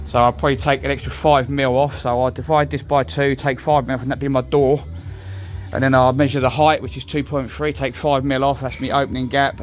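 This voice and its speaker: A man, talking through a joinery job step by step in a casual how-to, recorded on a handheld phone indoors. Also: medium pitch. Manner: plain-spoken, talks while working, swears now and then. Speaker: joiner showing a build. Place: indoors on a job site with stairs.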